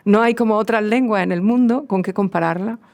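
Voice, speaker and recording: Gravelly-voiced woman explaining with restarts. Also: mid-range voice, brisk, a little mellow. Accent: southern Spanish. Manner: lecturing, many restarts and tag questions. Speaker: guest linguist. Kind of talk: explanatory radio conversation.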